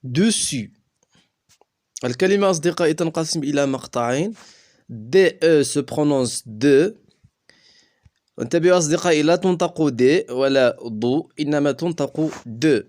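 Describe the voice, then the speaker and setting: A man teaching French pronunciation, spelling words out slowly letter by letter. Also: on the high side, darkish tone. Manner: slow, deliberate letter-by-letter spelling. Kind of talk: pronunciation lesson.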